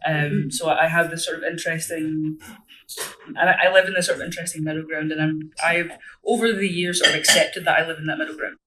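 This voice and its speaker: A young woman with a Glaswegian accent, speaking thoughtfully with many pauses and restarts as a mentorship volunteer. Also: sits low, steady tone, pushed and bright, low-quality recording. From Glasgow, Scotland. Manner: reflective, hesitant with many ums and restarts. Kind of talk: casual interview answers.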